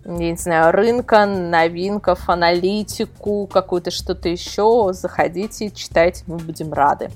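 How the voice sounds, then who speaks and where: Soft music sits behind a woman with a fairly low pitch who speaks at a moderate pace with few pauses. She's a guest on a podcast and edits an adult toy website, explaining things casually, wordily and with many qualifiers.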